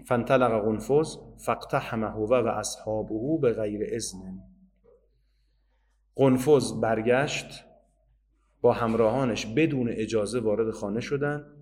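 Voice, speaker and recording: A man giving a religious history lecture, reading old narrations out slowly and then explaining them in everyday speech. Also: lowish voice, darkish tone. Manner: reads Arabic narration slowly, then explains in casual Persian.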